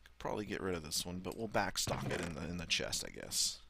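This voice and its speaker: A man's voice: low voice, sing-song, fast talker, gravelly, sharp tone, breathy edge. A man with a Southern US accent giving casual, rambling gameplay commentary, thinking aloud and swearing freely. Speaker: gaming video host.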